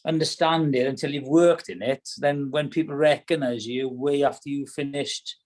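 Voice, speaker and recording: A middle-aged man from Wales, a podcast guest, answers in a casual chat, reflective and hesitant and often restarting sentences. His medium-pitched voice is steady, a little mellow and moderately paced.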